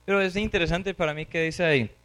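A man preacher delivering an animated sermon, often chuckling and acting out scripture scenes. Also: high-pitched, quick pace.

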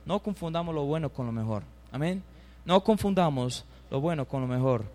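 High-voiced fervent male preacher. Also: expressive, normal speed, long reverb tail. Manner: fervent, climbs to loud, high emphatic bursts; reads scripture aloud and calls for the congregation to repeat. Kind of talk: sermon.

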